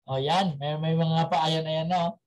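A man's voice: on the high side, fairly even intonation, measured pace, low-quality recording. Man, team meeting speaker, casual, chatty, storytelling, asks questions. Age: adult with young children. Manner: chatty, quizzes the audience. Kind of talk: casual motivational talk with a story.

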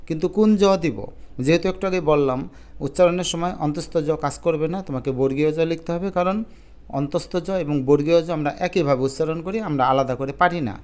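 A man teaching an exam-prep lesson, pronouncing each word slowly syllable by syllable to model it. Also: on the high side, darkish tone, smooth. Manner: drawn-out slow syllables when modelling words.

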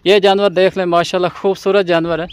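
A man's voice: high-pitched, little pitch movement, fast talker, slight background noise. A Pakistani man presenting cattle for sale to viewers in a persuasive, sales-like manner. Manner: persuasive, addresses viewers as friends. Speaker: livestock channel presenter. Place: outdoors at a farm.

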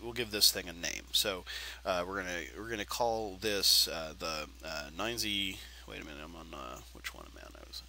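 A man with a low voice and vocal fry hosts a tech screencast tutorial, with a little hiss or hum in the audio. He sounds nasal and stuffy from allergies, and his relaxed, rambling delivery is packed with fillers.

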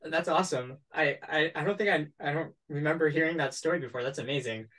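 A man's voice: a little high, brisk, bright, forceful tone. A man in his thirties hosts an interview through a headset on a video call. He sounds friendly and encouraging, stumbling into small restarts as he frames his questions. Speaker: interview host.

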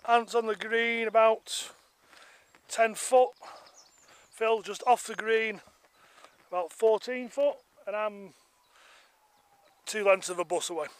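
A man's voice: high voice, steady tone, slow, long pauses, smooth. A man in his forties with an English accent, chatting to viewers while filming himself outdoors on a golf course. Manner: chatty, addresses viewers as guys. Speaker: golf vlogger. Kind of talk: casual vlog commentary. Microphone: camera held at arm's length.

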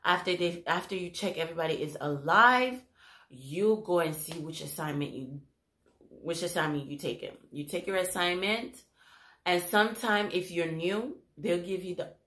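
A Haitian-accented woman tells her work stories straight to camera, chatty and animated, full of ums. Her voice sits fairly low. The room around her gives a noticeable echo. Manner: animated, switches into Haitian Creole, many fillers. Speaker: home health aide and nursing assistant. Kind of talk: casual storytelling to camera.

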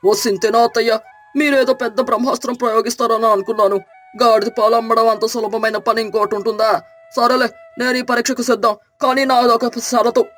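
A woman's voice: a little high, little pitch movement, a little fast, a bit bright, faint music behind, lightly acted. A woman voicing a clever, cocky young son-in-law in a village storybook tale, speaking with sly confidence. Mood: boastful.

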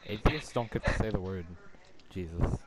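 A man's voice: low-pitched, normal speed, crowd noise. A man hosting a casual gaming chat with friends, rambling and joking, with many fillers and restarts. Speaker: channel host playing with friends. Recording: noisy recording.

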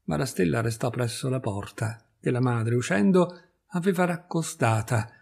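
A man reading a literary short story aloud in a measured, expressive audiobook narration. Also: fairly high pitch, creaky. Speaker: audiobook reader.

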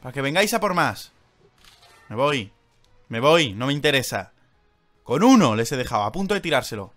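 A young man with a Spain Spanish accent, streaming live gameplay commentary, excitable, swinging from loud outbursts to low mutters. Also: normal speed, soft background music.

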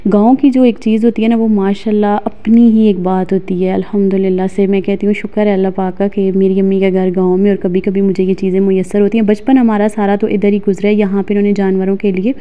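A woman's voice: medium pitch, level tone, fast, few pauses, clean tone, muffled recording. A woman in her thirties from Pakistan, chatting casually and reminiscing while vlogging outdoors in a mountain village, recording on a phone at arm's length. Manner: chatty, reminiscing, many fillers. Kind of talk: casual walking vlog narration. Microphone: phone held at arm's length.

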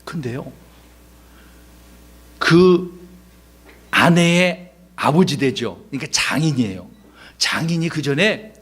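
A middle-aged male pastor giving a children's Sunday school sermon, telling the story with lively questions to the kids. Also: on the high side, slightly rough. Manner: animated storytelling, quizzing children.

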